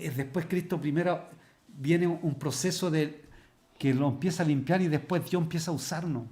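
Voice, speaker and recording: A fairly high-pitched man preaches a Bible study, posing rhetorical questions to his listeners. When he reads scripture he slows down and stresses each phrase. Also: darkish tone. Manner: slows down and stresses words when reading verses. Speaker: pastor.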